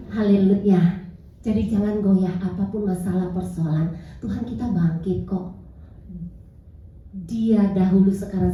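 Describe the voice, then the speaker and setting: A woman's voice: fairly high pitch, dark tone. A middle-aged woman pastor preaching a sermon, repeatedly addressing the congregation and calling for amens. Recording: very echoey hall, distant mic.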